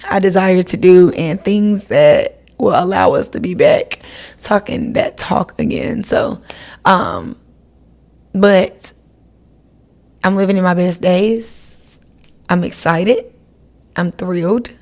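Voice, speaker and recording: A woman's voice: on the low side, takes it slowly, long pauses, a little mellow. A woman, hosting her podcast in a chatty, rambling style and talking straight to her listeners. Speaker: podcast host. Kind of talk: casual solo podcast chat.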